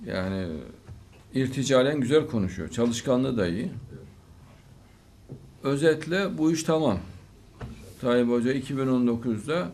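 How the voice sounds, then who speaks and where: A male talk show host with a rough, gravelly edge to his voice. He speaks in unhurried, drawn-out phrases and keeps breaking into religious blessings and warm praise. His pitch sits in the middle range. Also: slight background noise. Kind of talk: studio talk show commentary.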